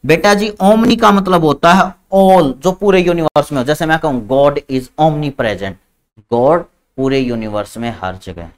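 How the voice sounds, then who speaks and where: A man with an Indian English accent teaching an online biology lesson, his voice a touch high. He moves unhurriedly, stretching English terms word by word and checking in with his students affectionately as he goes. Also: animated. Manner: calls students beta, drags out English terms slowly. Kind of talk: online class lecture.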